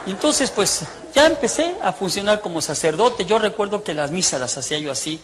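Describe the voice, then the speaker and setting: Man, 60s, former priest, jokey testimony sermon, slightly high pitch. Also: sing-song, a little fast, crowd noise, noisy background. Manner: storytelling, jokey, teasing the audience.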